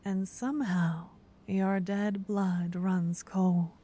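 A woman softly whispering a second-person ASMR story as narrator. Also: medium pitch, flat delivery, slow pace.

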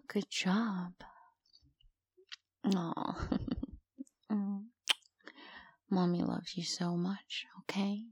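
A woman in a whispered intimate audio roleplay, talking slowly in a soft cooing manner close to the microphone. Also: medium pitch, level tone, breathy edge, no echo. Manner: slow, cooing, mostly whispered.

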